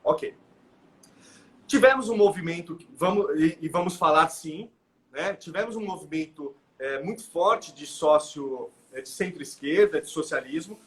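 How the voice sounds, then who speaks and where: A middle-aged man with a Brazilian Portuguese accent appears as the guest expert in a live interview, explaining his views. He's animated, with a voice on the high side and a slightly slow pace, peppering his speech with "né?" tags and restarts.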